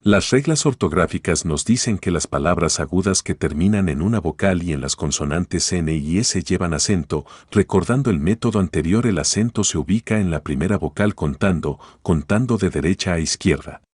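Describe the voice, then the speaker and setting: Deep husky male teacher, dry sound. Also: normal speed, few pauses, no room sound. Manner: calm, explanatory, guides listener through an imagined story. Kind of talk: spoken grammar lesson.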